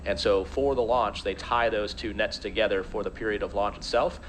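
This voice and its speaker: A man's voice: lowish voice, steady tone, normal speed. A man giving live expert commentary in a conversational, explanatory way. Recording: faint background noise.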